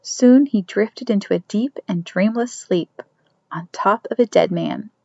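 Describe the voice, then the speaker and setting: Gravelly woman reading a story aloud. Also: medium pitch, a little slow, no room sound. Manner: steady storytelling, soft whispers for inner thoughts. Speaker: audiobook reader. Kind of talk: scripted narration. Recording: dry, dull lo-fi recording.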